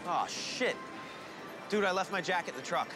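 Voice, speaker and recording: A vain young sitcom man with a hot temper. His pompous voice is bright and lively and jumps up into shouts. He never stops performing his own importance. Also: sits high, moderate pace, soft background music. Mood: indignant.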